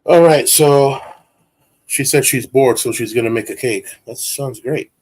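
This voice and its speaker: A man's voice: medium pitch, unhurried, a little mellow, breathy edge. A man in his forties hosting a casual chat, talking in a rambling, candid, streetwise way. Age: 40s. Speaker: host.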